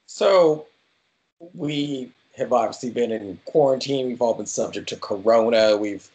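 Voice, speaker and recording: A man's voice: mid-range voice, a little slow, darkish tone. Inquisitive male interviewer on a video call. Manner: inquisitive, asks several questions at once. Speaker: interviewer, host. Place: indoors at home. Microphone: earphones with a wired mic on a video call.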